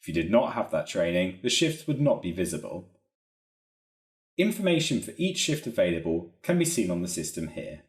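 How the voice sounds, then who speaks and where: This fairly low-voiced man is a software trainer narrating a walkthrough at normal speed. He takes each step methodically, his intonation lively and varied, in a recording with a roomy, echoey sound.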